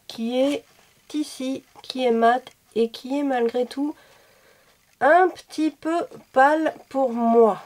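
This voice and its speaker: A woman's voice: on the high side, gravelly, darkish tone. A woman reviewing makeup in a chatty, self-deprecating way, a little sick and coughing now and then. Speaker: beauty vlogger.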